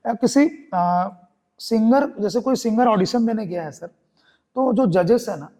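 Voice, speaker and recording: A man's voice: high voice, lively intonation, unhurried, warm tone. A young man from Chhattisgarh with a Chhattisgarhi Hindi accent, a theatre artist telling his story in a podcast interview and acting out the voices of the people in it.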